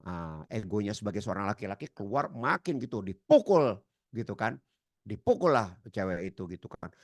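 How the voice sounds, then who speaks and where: A man giving a seminar lecture, addressing the audience directly and acting out quoted dialogue with sudden loud, high outbursts. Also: no echo, studio quality. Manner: addresses audience as Bapak Ibu. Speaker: trainer.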